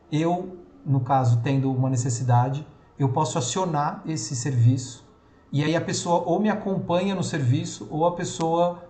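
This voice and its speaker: Chatty trainer with a São Paulo accent. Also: male voice, on the high side, mellow, reverberant. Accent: São Paulo Portuguese. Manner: casual, many fillers and restarts. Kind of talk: online training session.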